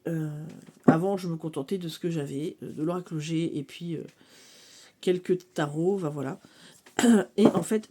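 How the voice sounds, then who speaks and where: A woman chatting casually about her oracle cards, full of fillers and quick to laugh. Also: on the low side, dark tone, slightly rough. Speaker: cartomancy vlogger. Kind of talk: casual show-and-tell of oracle decks.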